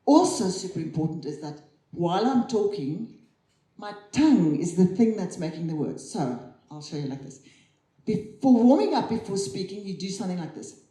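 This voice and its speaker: A woman giving a chatty conference keynote on stage, lively and quick to laugh at herself. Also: fairly low pitch. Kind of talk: live tech talk on stage. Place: conference hall. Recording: roomy hall sound.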